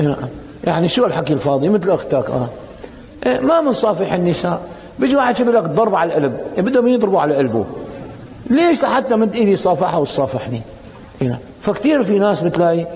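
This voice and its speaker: Fast, high-voiced preacher in echoing hall. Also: male voice. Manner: animated, acts out quoted dialogue in storytelling. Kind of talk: colloquial sermon with storytelling.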